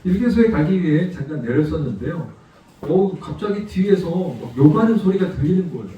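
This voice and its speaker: High-voiced man preaching in an echoey church. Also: animated, fairly quick, muffled recording. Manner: storytelling, asks the congregation rhetorical questions. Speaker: missionary guest preacher. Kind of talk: sermon. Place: church sanctuary. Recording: echoey church hall from far off.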